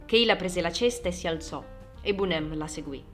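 Una donna che legge un romanzo come narratrice, con un tono calmo e regolare. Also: female voice, fairly low pitch, moderate pace, faint music behind. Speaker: audiobook narrator. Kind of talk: scripted narration.

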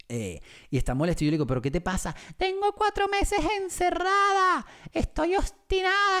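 A man's voice: mid-range voice, a little mellow, smooth. A man hosting a casual podcast monologue, rambling and joking with many restarts. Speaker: podcast host.

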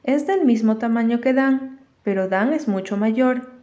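A woman voicing a timid, gentle young girl who sounds worried and insistent. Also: a little high, a little slow, lo-fi sound, close to an everyday voice.

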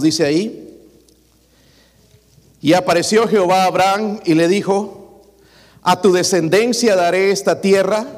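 A man's voice: high voice, long reverb tail. A man preaching a sermon as pastor, asking the congregation rhetorical questions.

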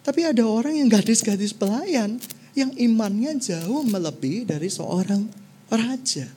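A woman preacher giving a sermon, telling the story in a playful, animated way and swinging between soft and loud. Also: fairly high pitch, normal speed, husky.

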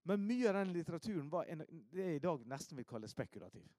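A preacher from Ålesund, telling stories in a sermon, shifting between loud emphasis and hushed asides. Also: male voice, on the high side, big pitch swings, no room sound, studio quality. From Norway, Ålesund. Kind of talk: storytelling sermon.

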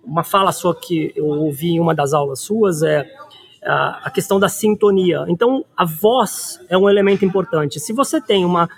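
A Brazilian man with a notably high voice, hosting a relaxed interview. He tells anecdotes with animation and draws out key words when he wants to make a point. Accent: Brazilian Portuguese. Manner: animated storyteller, slows down to stress points. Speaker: podcast host. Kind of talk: conversational interview.

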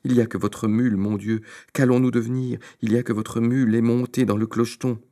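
A man's voice: medium pitch, level tone, fairly quick, warm tone, voice pushed up, close to an everyday voice. A man voicing a sly young rascal in a storybook reading, wailing in melodramatic, put-on distress. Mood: fake distress. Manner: pleading, melodramatic.

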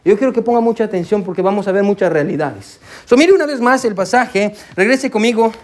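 Pastor de voz aguda predicando. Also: male voice, sits high, a little fast. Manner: warm, conversational preaching with frequent "amén" and "hermano". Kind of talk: sermon. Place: church sanctuary.

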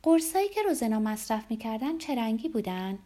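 A woman's voice: on the high side, very animated, mellow. A woman reading aloud, voicing a curious, suspicious young woman who asks pointed questions.

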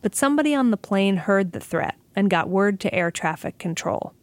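A woman hosting and narrating a documentary podcast, with a measured, scripted storytelling delivery. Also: medium pitch, animated, no echo.

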